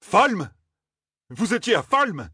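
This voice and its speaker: A man voicing a furious young officer who rants and shouts accusations, in a husky voice for an audiobook. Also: high-pitched, sing-song, slow, no room sound, clean studio sound, voice pushed up, full character voice. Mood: indignant. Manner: shouting, ranting. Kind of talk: audiobook character voice.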